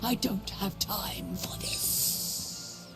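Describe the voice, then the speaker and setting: A woman's voice: mid-range voice, drawn-out words, creaky. A woman voicing an imperious, power-mad demonic pirate bride in a video game, haughty and menacing. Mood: imperious rage. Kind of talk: theatrical video game villain acting. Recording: music behind the voice.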